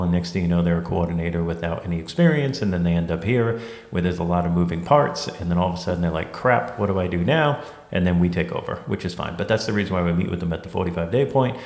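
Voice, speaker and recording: A man's voice: deep voice, creaky, a little mellow. A man who runs a wedding venue, talking casually and telling stories in a group discussion. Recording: echoey room.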